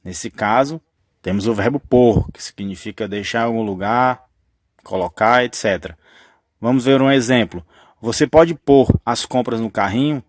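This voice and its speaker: A man's voice: medium pitch, normal speed, no room sound. Methodical male grammar teacher, dry close sound. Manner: patient, methodical, repeats key rules. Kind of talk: explanatory grammar lesson.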